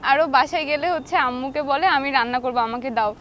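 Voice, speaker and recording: A young woman, a boxer guest telling lively stories in a casual interview. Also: high voice, a little fast, a little hiss or hum. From Bangladesh. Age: young adult.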